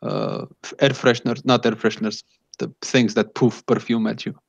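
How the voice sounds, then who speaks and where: A man improvising narration as game master of a tabletop game, haltingly, searching for words. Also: mid-range voice, flat delivery, creaky. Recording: echoey room, dull lo-fi sound.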